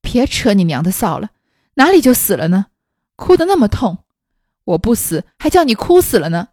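A woman's voice: medium pitch, big pitch swings, moderate pace, darkish tone, no echo, studio quality. A woman voicing a proud, ailing young noblewoman in her twenties who speaks in a scornful, cutting, weary way. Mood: teasing. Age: 20s.

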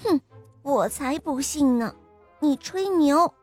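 A woman's voice: high-pitched, expressive, takes it slowly, faint music behind. A woman voicing a boastful boy giraffe who scoffs and brags. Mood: scoffing. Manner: scoffing, smug snorts. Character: boastful long-legged boy giraffe, smug.

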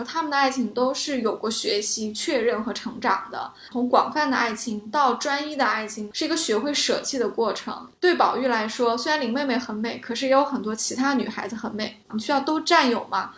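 Woman telling book scenes, laughs a lot, high-ish voice, roomy echo. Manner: animated storytelling with laughs. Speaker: podcast co-host. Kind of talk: casual literary chat.

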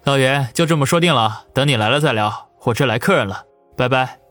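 A man's voice: medium pitch, brisk, a bit bright, faint music behind, voice pushed up, natural voice. A man voicing a cocky, playful young man in a story reading, breezy and joking. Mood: friendly. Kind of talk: audiobook character voice.

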